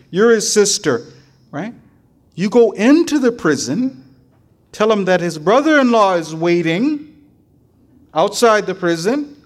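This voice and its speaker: A man preaching a sermon, telling stories in an animated way and often checking in with "right?". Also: high voice. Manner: animated storytelling, frequent "right?" asides.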